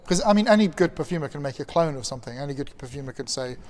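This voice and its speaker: A man's voice: fairly high pitch, animated, rapid-fire, darkish tone. A man co-hosting a casual perfume chat, playful and emphatic with jokes. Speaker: co-host reviewing perfumes.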